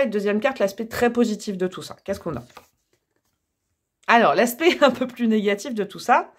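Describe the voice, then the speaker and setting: A woman giving a casual tarot reading to camera, chatty and thinking aloud with many fillers and small laughs. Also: fairly high pitch. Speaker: tarot reader.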